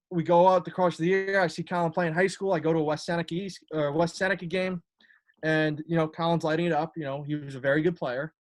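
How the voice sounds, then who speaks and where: A young man, a college lacrosse coach talking casually on a video call, rambling with many fillers and restarts. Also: fairly high pitch.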